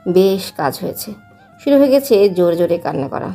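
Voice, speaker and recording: A young woman narrating a romantic audio story in a steady, unhurried way. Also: fairly low pitch, faint music behind.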